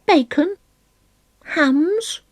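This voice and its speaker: A woman voicing a cheerful, bold little female pig in a storybook reading, speaking brightly with a husky edge and a lively, rising voice. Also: fairly high pitch, a little slow, dry recording, pitched above the performer's own voice. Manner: bright, chirpy, demanding.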